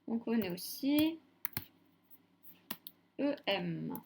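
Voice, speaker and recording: A woman teacher giving a phonics lesson to young children, dictating syllables slowly and repeating each one clearly. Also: on the high side, very animated, a little mellow, slight background noise.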